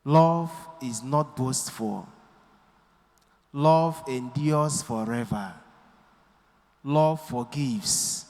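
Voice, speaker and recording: A priest preaching a sermon into a pulpit microphone in a church, speaking deliberately and quoting scripture. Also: male voice, mid-range voice, a little mellow. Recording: long church hall reverb.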